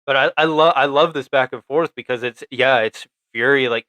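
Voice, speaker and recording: A male podcast co-host talking through a film in a loose, enthusiastic, rambling way. His voice is clean and resonant, sitting at an ordinary pitch for a man. It is recorded close and dry, with no room sound. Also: normal speed, pushed and bright, no room sound. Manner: enthusiastic, rambling, laughs easily. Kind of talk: casual movie review chat.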